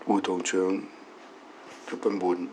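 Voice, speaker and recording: A man, a priest, giving a solemn, measured gospel reading and then a brief homily. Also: deep voice, level tone, darkish tone, a little hiss or hum, low-quality recording.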